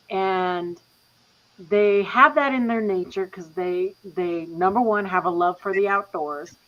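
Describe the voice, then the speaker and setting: A woman hosting a casual podcast chat, laughing now and then and talking while she is losing her voice. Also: medium pitch. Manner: relaxed, laughs often, walks through slides. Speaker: podcast host. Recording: slightly dull lo-fi audio.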